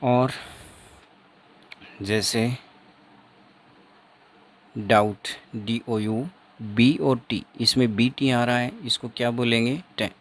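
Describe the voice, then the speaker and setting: A man's voice: medium pitch, steady tone, very slow, pauses often. A man teaching an exam-prep phonetics lesson, repeating each sound and example several times.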